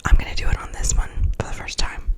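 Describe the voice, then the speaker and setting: A woman whispering an ASMR unboxing and chat in a soft, breathy, soothing voice, repeating words and phrases. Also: fast talker. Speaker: ASMR creator and host.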